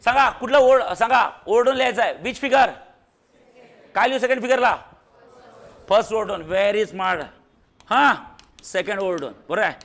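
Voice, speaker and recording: High-voiced joking teacher. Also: male voice, normal speed, long pauses, fairly bright tone. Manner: joking, teasing students, quizzing the class. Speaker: physics teacher. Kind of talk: classroom lecture. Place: classroom.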